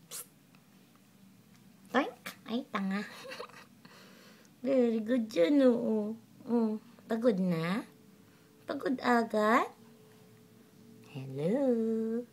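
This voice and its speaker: A woman's voice: a little high, lively intonation, extremely slow, long pauses, a little mellow. A woman, teasingly coaxing her pet in playful baby talk, with sing-song calls and giggles. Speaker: pet owner talking to her pet.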